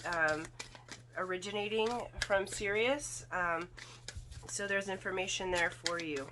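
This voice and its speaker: A woman giving a spiritual card reading in casual, halting talk, her throat slightly foggy and congested from irritation. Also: on the low side, background noise. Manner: halting, thoughtful, often checks with "okay?". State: throat irritated by volcanic fog, occasional coughing and throat clearing. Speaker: tarot and oracle card reader.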